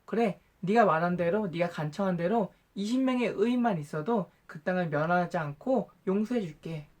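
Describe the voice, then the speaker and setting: A gracious male God from a Bible storybook, read by a man. He answers in a calm, patient and measured way, reassuring and never angry. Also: high-pitched, natural voice.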